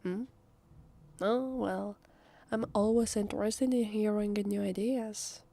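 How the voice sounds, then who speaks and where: Speaking with an Italian accent in a husky half-whisper, a woman voices a flustered vampire posing as human for an ASMR roleplay, dodging questions with playful denial. Her pitch is medium and her tone steady, the delivery soft, slow, hesitant and drawn-out, and the recording has no echo.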